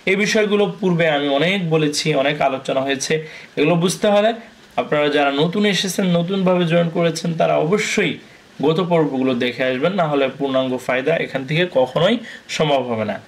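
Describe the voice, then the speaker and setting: A man's voice: a little high, fast talker. A man with a Bangladeshi Bengali accent teaching Quran reading, spelling out letters, chanting the joined syllables and explaining each rule by asking and answering his own questions. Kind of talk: spelled-out recitation lesson.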